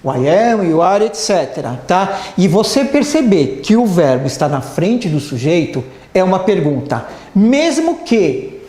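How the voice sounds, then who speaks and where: A teacher with a Brazilian Portuguese accent leads a live English lesson, voice rising and falling in wide swings. They talk to the class warmly and stop often to check that everyone is following. The sound carries a roomy echo. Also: mid-range voice. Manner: lively, keeps checking in with the class.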